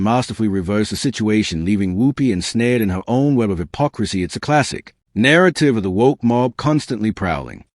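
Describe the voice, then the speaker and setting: Man, low-pitched voice, scripted commentary, sardonic and mocking, close dry sound. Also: a little mellow, dry recording. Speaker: narrator.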